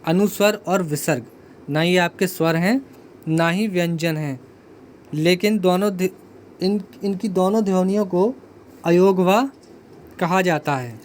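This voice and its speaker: High-voiced man teaching grammar. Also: slight background noise. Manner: explanatory, repeats key terms, asks the viewer questions. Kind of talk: exam-prep grammar lesson.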